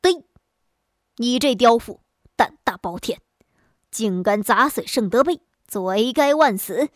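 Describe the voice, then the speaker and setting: A woman voicing a pompous, corrupt male county magistrate who shouts his orders in a storytelling recording. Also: medium pitch, a little slow, no room sound, studio quality. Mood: angry bellowing. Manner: loud bellowing shouts.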